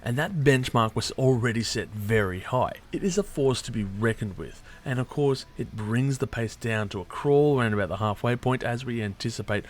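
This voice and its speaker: A man's voice: mid-range voice, normal speed, hardly any pauses. A man delivering a scripted album review in a sarcastic, irreverent way with casual swearing. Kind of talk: scripted music review monologue.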